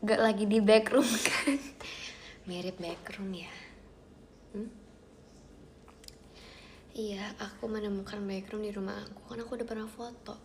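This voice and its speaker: A young woman hosting a casual livestream from home, chatting with viewers, thanking them and often dropping into soft whispers. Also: mid-range voice, steady tone, unhurried, long pauses, a little hiss or hum. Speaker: idol livestream host. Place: at home, outside her bedroom.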